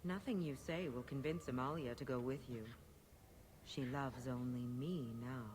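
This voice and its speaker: A woman's voice: a bass voice, normal speed, a little mellow. A woman voicing a sly, possessive demon in a cat's body for a video game, speaking formally with silky menace. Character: demon posing as a cat, sly, possessive, imperious. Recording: faintly noisy game audio capture.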